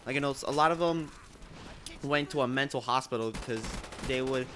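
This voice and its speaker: A man's voice: mid-range voice, moderate pace, noisy background. A teenage boy telling a rambling story over gameplay, full of filler words and restarts. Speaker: gameplay commentator.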